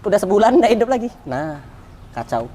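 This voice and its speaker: A man telling his personal story as a guest in an interview, animated, repeating words for emphasis and acting out dialogue. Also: high voice, brisk. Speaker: guest, founder of a free restaurant.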